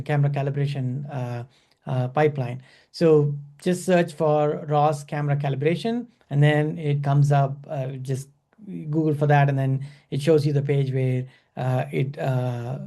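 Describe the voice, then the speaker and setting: A man leading an online class over a video call. His voice is gravelly and mellow and sits a bit high for a man. He talks in a halting way, full of fillers and restarts. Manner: hesitant, many fillers and restarts. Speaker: instructor.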